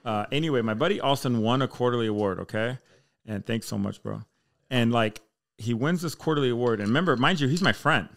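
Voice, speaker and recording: An American man, a military fire chief, chats casually and candidly as a podcast guest. His mid-range voice moves briskly, and his speech is slangy and full of bro talk.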